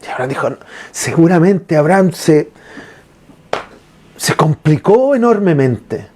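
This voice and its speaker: Lively, animated male preacher. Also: a little high, a little slow. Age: adult father. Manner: lively preaching with rhetorical questions to the congregation. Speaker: pastor. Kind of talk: sermon.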